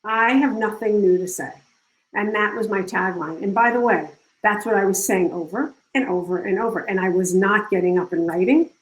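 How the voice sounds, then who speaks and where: A woman leading a live online workshop, talking casually and coaching with lots of restarts. Her voice sits at a middle pitch and carries a roomy echo from the video call. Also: a little fast, hardly any pauses. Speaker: workshop speaker.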